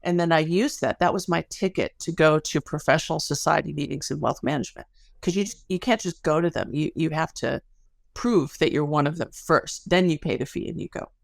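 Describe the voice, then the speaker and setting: A woman with a deep, clearly creaky voice speaks fairly quickly as an interview guest, recounting her research story-style with casual asides and colorful language. The sound is dry, with no room around it.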